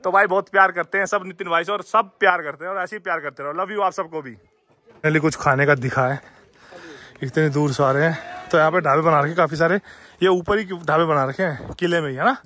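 A man's voice: on the high side, brisk. A man vlogging outdoors at a hilltop fort, joking and chatting with passersby. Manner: excitable, joking, calls out to strangers. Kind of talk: casual vlog chat with passersby.

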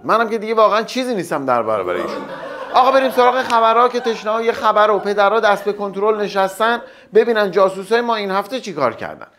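Very high-voiced young male comedy host. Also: a bit bright, a little hiss or hum. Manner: joking, teasing banter with quick asides. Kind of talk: satirical stand-up monologue.

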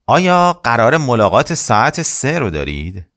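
A man's voice: mid-range voice, very animated, a bit bright. Persian-speaking man teaching English phrases. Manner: slow, careful model sentences between quick explanations. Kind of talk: language lesson.

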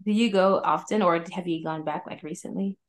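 A woman's voice: lowish voice, fairly quick. Chatty young woman hosting a video-call podcast. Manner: upbeat, chatty, uses "like" a lot. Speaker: podcast host. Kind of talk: casual interview chat. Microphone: over-ear headphones, video call.

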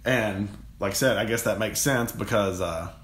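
A man's voice: lowish voice, normal speed, a bit bright. A young man co-hosting a casual gaming chat, rambling and enthusiastic, often repeating his words. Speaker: co-host of a gaming channel. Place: home room, games on the shelf behind. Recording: echoey room.

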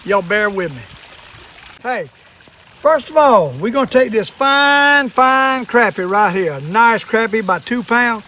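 A man's voice: very high-pitched, lively intonation, unhurried, bright, forceful tone. An older man with a Southern US accent talks like a plainspoken old fisherman, giving a casual hands-on demonstration outdoors. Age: older, 60s or above. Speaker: fishing and fish-cleaning demonstrator. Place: outdoors in a wooded yard at a table.

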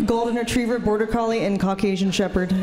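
A woman's voice: mid-range voice, steady tone, quick pace, a loud crowd. Young woman on a live dating show, blunt n picky, roomy echo, noisy stage. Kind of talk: casual live banter. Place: indoor theatre stage before an audience. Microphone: handheld microphone.

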